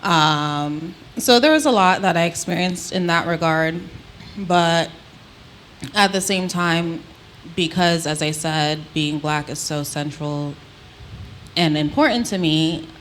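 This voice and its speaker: Woman, Antiguan accent, low register, candid interviewee telling her own story, light ambient noise behind her. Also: takes it slowly, a bit bright. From Antigua, Caribbean. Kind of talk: reflective personal storytelling in conversation.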